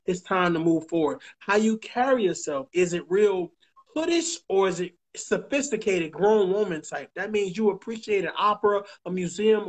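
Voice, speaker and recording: Emphatic preachy man hosting a talk show. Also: high-pitched. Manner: emphatic, preachy, swears, repeats points slowly. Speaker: podcast host.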